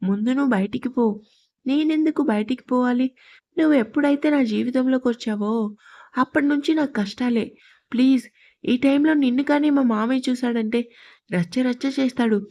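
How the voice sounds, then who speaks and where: Woman reading a weepy young bride, pleading and touchy, a bit high. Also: warm tone. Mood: tearful pleading. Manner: tearful, pleading, quick to flare up. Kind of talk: read-aloud storytelling.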